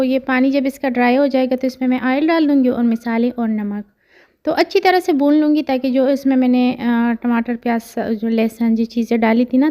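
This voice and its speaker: Chatty high-voiced vlogging mother. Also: mellow. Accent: Pakistani Urdu. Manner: chatty, rambling, many fillers. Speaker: family vlogger. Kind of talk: casual narration over household chores.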